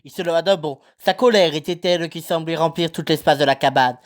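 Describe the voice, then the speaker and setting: Woman reading a novel aloud. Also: deep voice. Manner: steady, unhurried reading with small slips. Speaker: storyteller.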